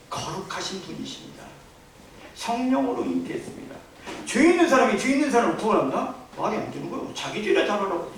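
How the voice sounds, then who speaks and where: A man's voice: high-pitched, a bit bright, very echoey. Male pastor, storytelling preacher who keeps asking rhetorical questions, recorded from a distance in a church, faint hiss behind. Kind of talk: sermon. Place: church sanctuary.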